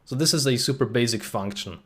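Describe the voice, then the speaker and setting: A man's voice: medium pitch, a little fast, breathy edge. Casual man presenting a live coding talk. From Germany. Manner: casual, explanatory, frequent "uh" fillers, addresses chat. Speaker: host and presenter. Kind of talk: live-streamed technical presentation.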